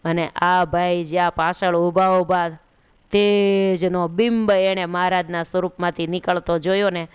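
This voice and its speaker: Woman telling a devotional story, clear voice. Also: medium pitch. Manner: narrates with acted quotes of characters. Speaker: religious storyteller. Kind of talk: devotional katha sermon.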